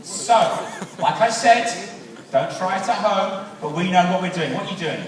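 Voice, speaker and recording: A man's voice: sits high, moderate pace. Joking English man on a hall stage. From England. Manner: jokey, teasing his assistant. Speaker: science show presenter. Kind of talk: stage science show patter. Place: large echoey hall on stage. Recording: echoey hall, voice from far off.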